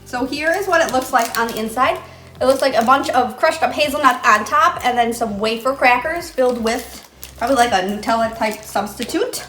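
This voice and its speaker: A woman's voice: on the high side, a little fast, pushed and bright. A young woman hosting a casual snack taste-test vlog, chatty and upbeat, keeping an eye on a small child beside her. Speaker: vlogger. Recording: echoey room, faint noise.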